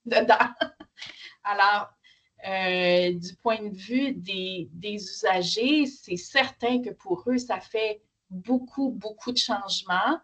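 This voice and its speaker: A woman with a Quebec French accent explains things in an unscripted panel discussion. Her voice sits at an average pitch, and she talks in a spontaneous, conversational way. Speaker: panel speaker.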